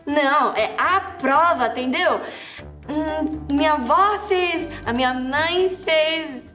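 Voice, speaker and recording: A woman playing an excitable, anxious young girl in a church kids' skit, swinging between glee and worry. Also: high voice, soft background music, exaggerated voice. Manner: bubbly, quick mood swings, worried.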